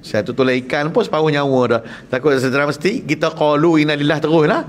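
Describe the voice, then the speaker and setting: A man's voice: fairly high pitch, fairly quick. A man with a Malaysian Malay accent teaching Quran recitation, asking the class questions and demonstrating sounds. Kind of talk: lively tajwid lesson with jokes. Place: classroom or lecture hall.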